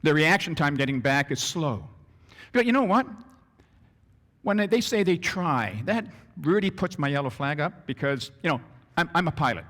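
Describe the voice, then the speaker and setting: A man with a fairly high voice presents a business training session in a hall with a long echo. He talks in an animated way and acts out little scenes in other voices to make his points. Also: moderate pace. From Canada. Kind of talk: presentation to an audience.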